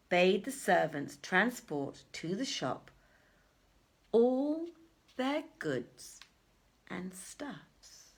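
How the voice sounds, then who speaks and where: Reading a literary tale aloud in a lowish voice, a woman storyteller performs theatrically and deliberately, using dramatic pauses and swells.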